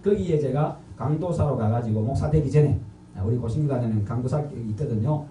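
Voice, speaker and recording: A man's voice: medium pitch, a little fast, dark tone, a little hiss or hum. A middle-aged man with a Gyeongsang accent preaching an evangelistic sermon, quizzing the congregation and repeating their answers. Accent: Gyeongsang Korean. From North Gyeongsang, Korea. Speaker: pastor. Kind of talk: evangelistic sermon with call-and-response. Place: large church sanctuary. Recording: echoey and distant from the mic.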